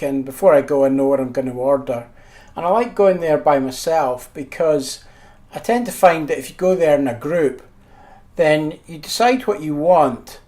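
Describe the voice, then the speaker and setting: A man's voice: on the high side, mellow. Chatty Scottish man telling stories. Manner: chatty, storytelling, dry humour. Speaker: travel photography vlogger. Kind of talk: casual anecdotal vlog narration.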